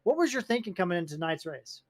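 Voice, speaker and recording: A man's voice: high-pitched, sing-song, fast talker. A man interviewing a driver as pit reporter, rambling and correcting himself mid-question. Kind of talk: post-race interview.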